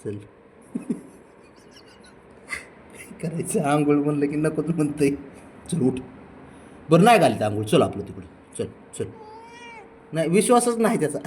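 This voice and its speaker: घरी फोनवर व्हिडिओ करत मांजराला आंघोळीसाठी लाडाने, चिडवत वारंवार हाका मारणारा, मराठी लहेजा असलेला पुरुष. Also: male voice, on the high side, moderate pace, pauses often, warm tone, a little hiss or hum. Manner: coaxing, teasing, repeats calls. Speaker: cat owner filming his pets. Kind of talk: casual home video, coaxing a pet. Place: indoors at home.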